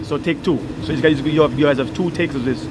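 A man's voice: on the high side, fast. A man working as an HVAC technician, talking casually to his viewers while filming a commercial AC unit, often repeating and restarting his words. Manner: chatty, repeats himself, restarts lines. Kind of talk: casual on-the-job vlog. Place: beside a commercial rooftop AC unit. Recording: loud machine noise behind the voice.

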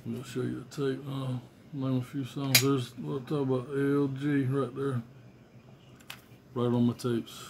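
A middle-aged music collector vlogger rambles bluntly and offhandedly about his cassette collection, swearing freely, in a casual show-and-tell filmed on a phone camera at arm's length in a small bedroom. His medium-pitched voice is flat, unhurried and gravelly, and the recording is very noisy.

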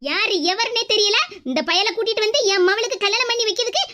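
A shrill scolding cartoon mother. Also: fairly even intonation, fast talker, background noise. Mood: angry. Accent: Kanyakumari Tamil. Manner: sharp, scolding, sarcastic. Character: stern, scolding middle-aged mother. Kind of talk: cartoon comedy voice acting.

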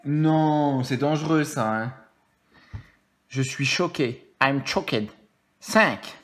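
A man's voice: medium pitch, slow pace, a bit bright. Playful man calling out scratch-card numbers. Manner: playful and jokey, counts numbers aloud, chats with viewers. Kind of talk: casual live commentary.

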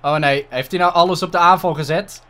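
A man with a Dutch accent giving casual gameplay commentary, excitable and swearing a lot, dropping English exclamations into his talk. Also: fairly high pitch, brisk. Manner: excitable, frequent swearing and frustrated outbursts. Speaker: gaming YouTuber.

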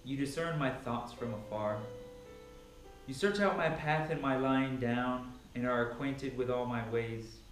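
Faint music sits behind this man's medium-pitched voice as he talks at a measured pace. He is a Bible reader at home, starting casually before moving into a dramatic scripture reading. The camera is a few metres off in a big, sparse living room, giving an echoey, far-away sound.

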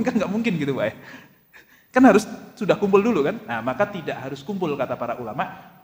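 A man preaching to a congregation, telling jokey stories and acting out dialogue. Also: mid-range voice. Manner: addresses audience directly with questions. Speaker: Islamic preacher. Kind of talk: lively religious lecture to a congregation. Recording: echoey hall.

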